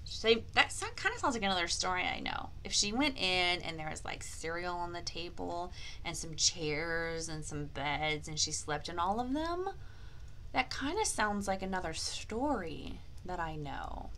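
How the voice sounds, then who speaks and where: Over a little hiss or hum and poor audio, a woman hosts a read-aloud language lesson for young children in a lowish, animated voice that is pushed and bright, at a measured pace. Playfully exaggerated, she cheers the kids on, poses questions, and elongates key words.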